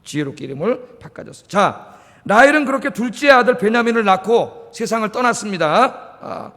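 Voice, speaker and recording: A male pastor preaching a sermon, telling the story with lively acted-out quotes. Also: sits high, moderate pace. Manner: animated storytelling, acts out quoted lines. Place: church sanctuary. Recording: reverberant church hall.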